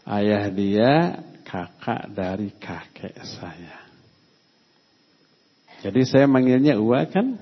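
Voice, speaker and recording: A middle-aged man teaches a religious lesson at a deliberately slow pace. He speaks with emphasis and quizzes the listeners now and then. His voice rings in a long hall reverb through a dull, muffled recording. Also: mid-range voice, breathy edge. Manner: unhurried, emphatic, quizzes the audience. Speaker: Islamic teacher. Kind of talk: religious study lecture.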